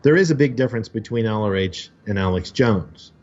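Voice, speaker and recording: A man's voice: fairly low pitch, lively intonation, fairly quick, a little mellow. A man co-hosting a podcast, explaining at length in casual discussion and now and then acting out the people in his examples. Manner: explains at length, acts out quoted voices. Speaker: podcast co-host. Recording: dull lo-fi audio.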